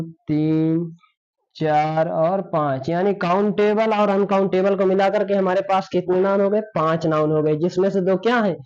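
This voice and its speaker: A man's voice: sits high, a little mellow. A man teaches a grammar class, asking questions aloud and then answering them himself. He repeats his points in a patient classroom manner. The recording sounds dull and lo-fi. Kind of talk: classroom lesson explaining.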